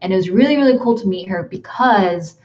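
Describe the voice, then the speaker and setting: A woman's voice: medium pitch, lively intonation, a little fast, a little mellow, lo-fi sound. A young woman from the United States chatting casually on a livestream from her bedroom, rambling with lots of ums and likes. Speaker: YouTuber hosting a livestream. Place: bedroom at home.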